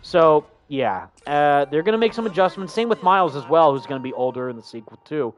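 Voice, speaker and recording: Enthusiastic rambling young man, higher voice. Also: lively intonation, fairly quick, highs cut off. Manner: rambling, enthusiastic, many fillers. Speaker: livestream host. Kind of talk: casual livestream chat, reading viewer comments.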